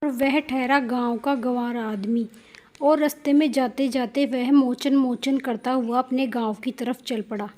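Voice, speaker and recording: High-voiced woman telling a devotional story. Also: measured pace. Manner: steady, plain storytelling with repeated phrases.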